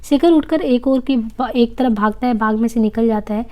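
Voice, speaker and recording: Woman narrator reading a novel aloud, mellow and steady, with occasional restarts. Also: on the high side, normal speed. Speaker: reader.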